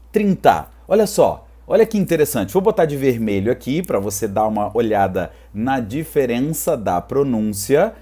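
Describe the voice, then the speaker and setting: A man's voice: medium pitch, dark tone. A man teaching an online English pronunciation lesson, upbeat, drilling words for the viewer to repeat and dropping cheerful catchphrases.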